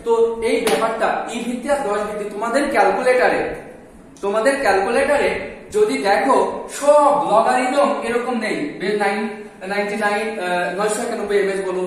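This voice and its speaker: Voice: medium pitch, steady tone, brisk. A teacher giving a spoken math lecture, explaining step by step and asking the students questions. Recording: echoey room, voice far from the mic, faint noise.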